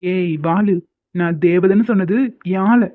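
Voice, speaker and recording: A woman's voice: fairly low pitch, unhurried, pitched below the performer's own voice, lightly acted. A woman voicing a boastful young male college student who brags about his charm in a cartoon. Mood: cocky. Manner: cocky, boastful, teasing. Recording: tinny phone-like lo-fi sound.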